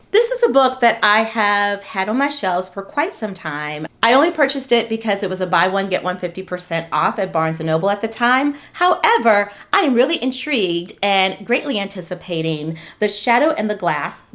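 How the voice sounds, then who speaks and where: A middle-aged woman hosting a casual book vlog in a chatty, expressive way, with a slight lisp from dental aligners. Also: mid-range voice. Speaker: book vlogger.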